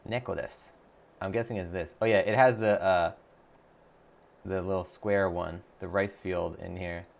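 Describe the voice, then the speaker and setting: A man with a deep voice, vocal fry and a steady tone talks at normal speed during a live stream of his language-app practice. He chats casually, thinking aloud through many fillers and restarts, and reads viewer messages aloud to respond.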